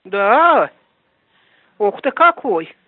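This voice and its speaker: A man's voice: high-pitched, very animated, very slow. A man answering a phone call, curt and dismissive, heard over a noisy, clicking, tinny phone line. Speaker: call recipient. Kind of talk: phone conversation.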